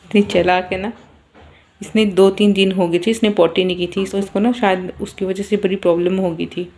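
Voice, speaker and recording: A young woman vlogging casually about her day with her children, sounding tired and sleepy, keeping her voice soft so the baby stays asleep. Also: medium pitch, flat delivery, moderate pace. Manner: chatty, talking softly to avoid waking a baby. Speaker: vlogger, mother. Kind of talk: casual family vlog talk. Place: outdoors on a home rooftop.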